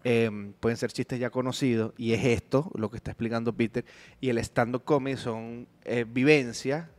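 A man with an average-pitched voice. He co-hosts a casual chat, talking fast and often restarting his sentences. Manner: quick, restarts and trips over words.

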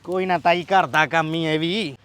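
A young man playing a calm, soft-spoken, dutiful village nephew in a village drama. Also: a little high, normal speed, clean tone, no echo, lightly acted. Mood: mild.

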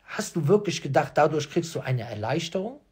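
A man's voice: fairly high pitch, big pitch swings, brisk, darkish tone, husky. A man hosting his own channel, addressing viewers in an emphatic monologue, repeating key phrases and firing off rhetorical questions. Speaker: host.

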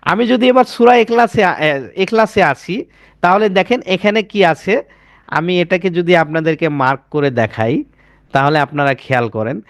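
A man teaching an online class on Arabic pronunciation. He explains slowly, repeats words and keeps checking that his students follow. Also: high voice, smooth, no room sound, clean studio sound.

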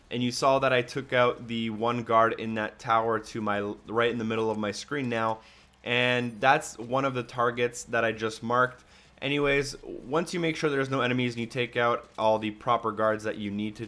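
A man narrates a video game guide as a microphone voice-over, walking through it step by step in a casual, instructional way. His voice is medium-pitched with a sharp tone.

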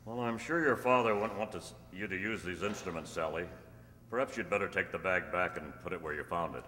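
A deep-voiced man, speaking fairly quickly in a bright, forceful tone, performs as the masked cowboy hero of an old-time radio western, calm and kindly yet commanding as he makes reassuring declarations. He's recorded with a stand mic on a hall stage that echoes, and slight background noise is present.

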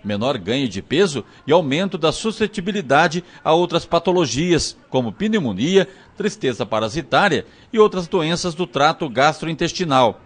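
A man's voice: a little high, big pitch swings, normal speed, few pauses. A man narrating a local news report in a formal reporting tone.

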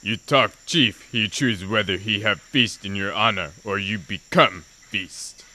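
A man's voice: lowish voice, a little slow, bright, forceful tone, exaggerated voice. A man voicing a stern adult island tribesman who speaks in blunt, broken English. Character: gruff adult male island tribesman guard.

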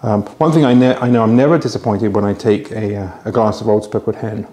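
A man's voice: fairly low pitch, fairly even intonation, fast talker, warm tone, roomy sound. A middle-aged man hosting a magic auction, talking casually to camera in a home bar room with a lapel mic, chatty and full of restarts. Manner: chatty, hesitant with restarts and fillers. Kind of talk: casual promotional talk to camera.

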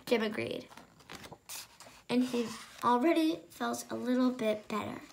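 A woman's voice: on the high side, a little slow, gravelly, a little hiss or hum. A woman hosting a children's storytime, reading a picture book aloud and adding her own asides. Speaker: storytime host.

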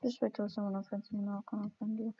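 A woman's voice: mid-range voice, level tone, fast, breathy edge, highs cut off. A woman streaming her gameplay, chatting casually and mocking herself with giggles as she plays.

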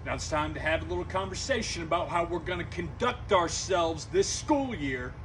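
A middle-aged man playing a stern, blunt high school football coach, giving a commanding pep speech with clipped check-ins in a comedy sketch. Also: lively intonation, normal speed, fairly bright tone, distant mic, a little hiss or hum. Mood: stern, measured. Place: outdoors in a grassy backyard. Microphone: camera a few metres away.

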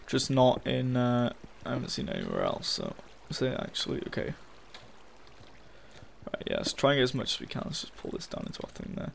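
Gravelly-voiced young man swearing through a game. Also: medium pitch, huge pitch swings, a little fast, a little hiss or hum. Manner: frustrated, swears a lot, talks to viewers. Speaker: gaming channel host. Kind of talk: casual game commentary.

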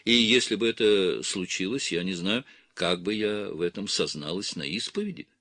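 A man's voice: low voice, moderate pace, sharp tone, dry recording, clean studio sound, voice pushed down, heavily acted. A man reading an audiobook, voicing a young, innocent nun who answers earnestly and apologetically. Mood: earnest pleading.

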